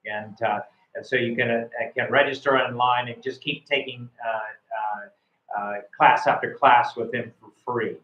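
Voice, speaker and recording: A man's voice: mid-range voice, steady tone, measured pace, fairly bright tone, reverberant, highs cut off. A middle-aged American man tutoring students for a speaking test in a casual, rambling way, full of fillers and repeated words. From United States. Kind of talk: casual live coaching.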